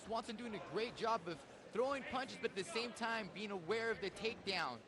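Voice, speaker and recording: A man's voice: high-pitched, expressive, fairly quick. A man giving technical live MMA analysis in clipped phrases as a color commentator. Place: live fight event. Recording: clear crowd noise behind.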